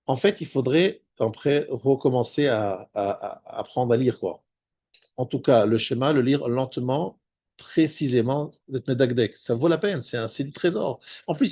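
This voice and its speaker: A man, a rabbi, teaching a spoken Torah lesson, explaining patiently and slowing down on Hebrew terms. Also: mid-range voice, darkish tone, highs cut off. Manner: explanatory, repeats and restarts words, stresses Hebrew terms slowly.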